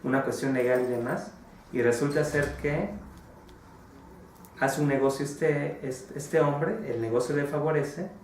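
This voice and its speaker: A man's voice: mid-range voice, unhurried. A man teaching a religious class, telling a story in a conversational way with many filler words and tag questions. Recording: very echoey room, voice far from the mic, faint noise.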